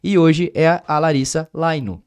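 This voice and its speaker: A man with a Brazilian Portuguese accent hosting a podcast in a studio, chatting in long, relaxed, winding sentences. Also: on the high side, normal speed, clean tone, no echo. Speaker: podcast host. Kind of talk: casual interview chat.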